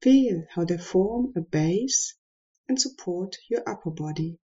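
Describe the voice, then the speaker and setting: Woman meditation guide: unhurried, low-ish husky voice, soft calm delivery, muffled lo-fi recording. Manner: slow, soft and calm instructions with long pauses.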